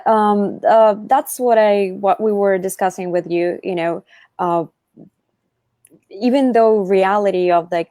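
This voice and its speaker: A woman from Russia, a guest on an interview show, talking lively and giggly with lots of "like"s. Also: lowish voice, dry recording, studio quality. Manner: lively, giggly, loose phrasing with many "like"s. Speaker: actress guest. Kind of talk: casual interview chat.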